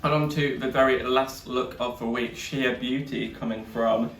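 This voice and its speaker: A man's voice: mid-range voice, fairly even intonation, normal speed, a bit bright. A man co-hosting a casual review chat, frank and given to swearing, making his points at length. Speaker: podcast co-host. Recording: echoey room, distant mic, faint music.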